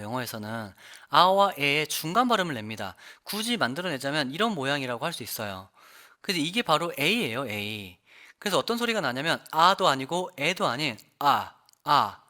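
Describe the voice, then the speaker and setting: Guy teaching english pronunciation online, bouncy voice, repeats the sounds to show them. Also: on the high side. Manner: lively, demonstrates sounds by repeating words. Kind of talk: online lesson explaining pronunciation.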